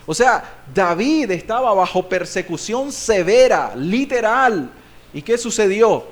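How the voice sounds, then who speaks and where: A man from Nicaragua preaching a sermon as pastor, swinging between loud and soft delivery and drawing out key words slowly for emphasis. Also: high-pitched, sing-song.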